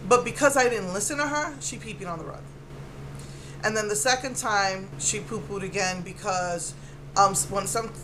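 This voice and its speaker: A middle-aged woman talks through a personal update in a casual, rambling way. She sounds emotionally drained as she vents, at a medium pitch. Clear ambient noise runs behind her voice. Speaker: vlogger giving a personal update. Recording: clearly noisy ambient background.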